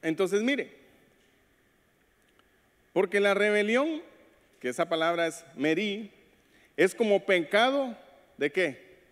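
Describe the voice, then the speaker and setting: A man's voice: high voice, expressive, slow, long pauses. A man preaching a sermon as pastor, speaking to the congregation and acting out short quoted voices. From Latin America. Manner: preaches with acted quotes and call-outs to the congregation. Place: church sanctuary. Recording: long hall reverb.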